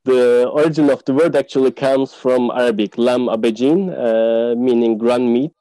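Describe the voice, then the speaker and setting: Mellow-voiced man explaining food. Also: medium pitch, level tone, normal speed, no room sound, poor audio. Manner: explanatory, many "uh" fillers. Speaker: tour guide guest. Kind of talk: casual podcast interview.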